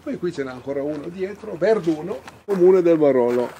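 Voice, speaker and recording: A man's voice: fairly high pitch, lively intonation, quick pace, mellow, a little hiss or hum. A man who owns a winery, speaking Italian outdoors on a terrace and pointing out the villages across the hills. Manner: pointing out landmarks. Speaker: winery owner. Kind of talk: casual tour talk. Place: outdoor terrace over vineyards.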